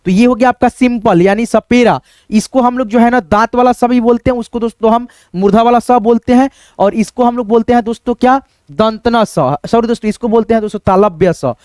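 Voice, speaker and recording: High-voiced man teaching the alphabet. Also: a little mellow, smooth, no echo. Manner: repetitive, asks and answers his own questions, many fillers. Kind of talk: casual classroom-style teaching.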